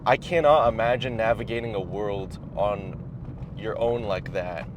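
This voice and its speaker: Young guy giving chill thoughtful advice while driving, kinda halting, talking with food in his mouth, car rumble behind him. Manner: talking while eating, mouth at times full; halting, thoughtful, pausing mid-phrase. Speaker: vlogger giving personal advice. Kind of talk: casual reflective advice monologue. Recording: clear vehicle and road noise. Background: car and road rumble.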